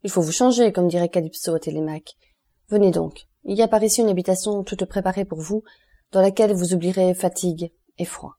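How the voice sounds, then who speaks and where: A woman's voice: lowish voice, brisk, warm tone. A woman voicing an impulsive, grieving young man in an audiobook, speaking in a raised, emotional, exclaiming way. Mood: ardent.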